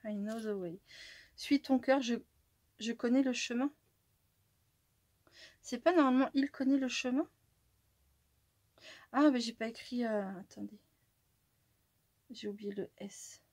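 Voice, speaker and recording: Chatty French woman, soft and delighted. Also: on the high side, measured pace, long pauses, dry recording. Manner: chatty, easily delighted, often laughing, drops to soft whispers. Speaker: crafting channel host. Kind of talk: casual chat while opening mail.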